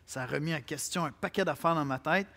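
A man preaching a sermon with a Québécois accent, speaking to listeners directly and swinging between loud declarations and quiet asides. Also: on the high side, quick pace, creaky. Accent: Québécois French. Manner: conversational, addresses listeners directly.

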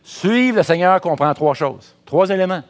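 A middle-aged man preaching a sermon as pastor, in a Quebec French accent, lively and calling out to the congregation. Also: high-pitched, moderate pace.

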